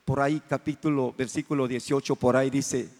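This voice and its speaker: A man's voice: medium pitch, steady tone, fairly quick, darkish tone. A man preaching a fervent sermon as pastor, calling out to the congregation for amens. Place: church. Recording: reverberant church hall.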